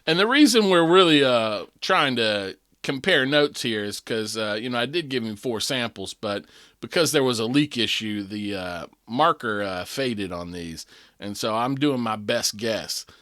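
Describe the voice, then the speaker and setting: Chatty man with a bright, dry voice. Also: medium pitch, lively intonation, measured pace, no room sound. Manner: chatty, rambling, lots of fillers. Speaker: whiskey reviewer. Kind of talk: casual tasting chat.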